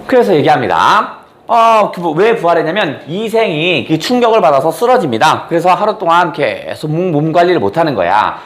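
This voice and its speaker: A man's voice: a little high, sing-song, fairly quick, hardly any pauses. A man teaching a classroom lesson, retelling a story in a playful, casual way, acting out the quotes and teasing his students. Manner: playful, acts out quotes, teases students with mild swearing.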